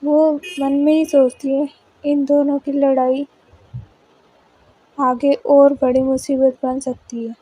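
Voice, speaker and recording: A woman narrating a scripted story in a measured storytelling manner. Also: sits high, little pitch movement, mellow, low-quality recording.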